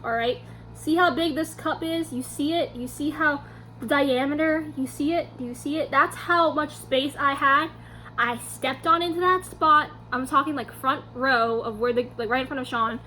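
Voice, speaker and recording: A young woman vlogger telling a story to camera in a casual, animated way, acting out her own quotes. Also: high-pitched, normal speed, slight background noise.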